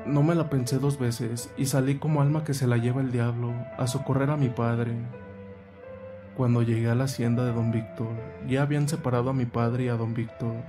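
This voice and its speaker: A man narrating a first-person horror story in a steady, measured way. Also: mid-range voice. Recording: music playing under the voice.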